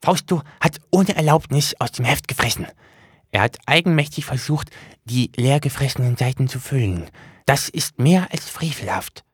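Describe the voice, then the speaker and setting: A skittish little storybook demon, covered in fur and forever fretting over his rules, speaks of himself in the third person in a high, strained voice, as a male reader puts him on. He sounds formal and anxious. The recording is close and dry. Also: lively intonation, normal speed, slightly rough, no echo. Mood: solemn. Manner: formal, anxious, rule-bound. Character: small furry male book demon, timid and fussy.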